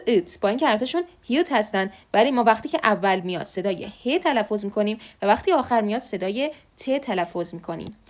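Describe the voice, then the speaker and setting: A woman teaching Korean letters, patiently repeating each sound slowly. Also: on the high side. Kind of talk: online alphabet lesson.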